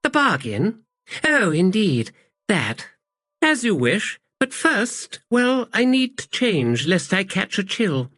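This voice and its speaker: A man's voice: high-pitched, very animated, slow pace, a bit bright, dry recording, clean studio sound, pitched above the performer's own voice, full character voice. A man voicing a condescending young princess, lofty and teasing, in a storybook reading. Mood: haughty.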